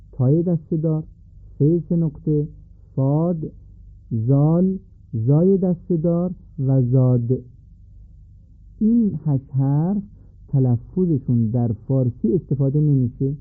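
A man teaching a recorded lesson, speaking in a measured way and putting questions to his listeners. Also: medium pitch. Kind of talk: recorded lesson on letter pronunciation. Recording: phone-like narrow band recording.

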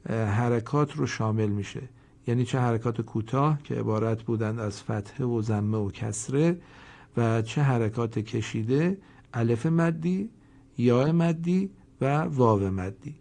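A man gives a recorded lesson in Quran reading, in a mellow, warm voice at a middling pitch. He explains quickly, then chants each example word slowly and stretches it out, and asks listeners to repeat after him.

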